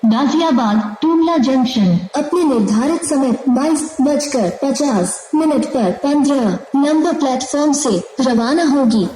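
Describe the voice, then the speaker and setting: Indian woman, station loudspeaker announcer, high, mellow, formal measured delivery, booming hall echo. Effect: railway station loudspeaker announcement. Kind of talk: recorded public announcement. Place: railway station platform.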